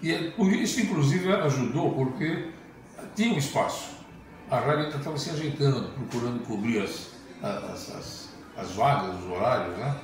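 A man's voice: mid-range voice, expressive, moderate pace, heavy reverb, poor audio. An older man, a jazz radio host, thoughtfully recalling the past in an interview with small hesitations. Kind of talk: interview reminiscence.

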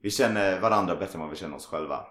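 Man, low voice, podcast host, lively storyteller, echoey room. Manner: animated storytelling, acts out others' remarks. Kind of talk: casual conversation. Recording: roomy echo.

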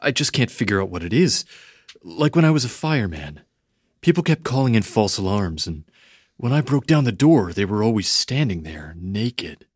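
A man's voice: on the low side, sing-song, normal speed, breathy edge, no echo, clean studio sound. A man playing a clueless, apologetic ranch hand and former fireman in a comedy audio drama. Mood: earnest. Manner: hesitant, apologetic.

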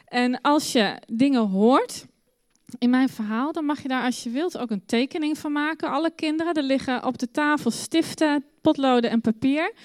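Expressive woman storyteller for kids in church, bright-pitched and close. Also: dry recording. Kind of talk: Bible story told to children.

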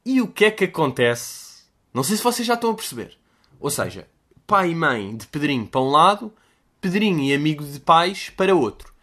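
A young man with a European Portuguese accent hosts a solo podcast on his own. His voice sits a touch above the usual male pitch. He rambles in casual slang, joking as he goes and breaking into loud shouts now and then. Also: sing-song, a little fast. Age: 20s. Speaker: podcast host.

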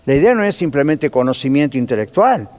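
A man teaching a Bible class as pastor, lively and conversational, putting rhetorical questions to his listeners. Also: medium pitch, a little fast. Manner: lively, asks the class rhetorical questions, drops in English phrases. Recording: long reverb of a church hall.

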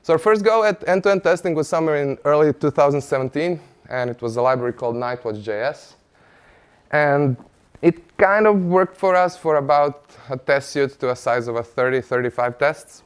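Smooth-voiced man giving a tech talk. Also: a little high, lively intonation, normal speed. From Croatia. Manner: conversational, light humor, frequent "uh" fillers. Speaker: conference speaker, engineering manager. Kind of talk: conference presentation. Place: conference stage before an audience.

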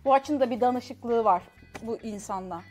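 A woman with a bright, high voice hosts a casual guessing game. She feeds her guests riddle-like clues and waves off wrong answers with a teasing "no, no." Faint music plays quietly underneath. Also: a little slow. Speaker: co-host.

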